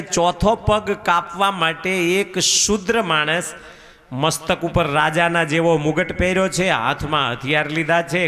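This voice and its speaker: A male preacher tells a devotional scripture story in a high, bright voice, unhurried and sing-song. His words carry a long hall reverb, and faint music sits underneath. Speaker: katha preacher.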